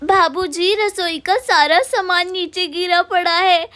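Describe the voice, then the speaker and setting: A woman voicing a busy, put-upon young village daughter-in-law in a doll cartoon, hurried and complaining. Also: very high-pitched, fairly even intonation, sharp tone, no room sound, exaggerated voice.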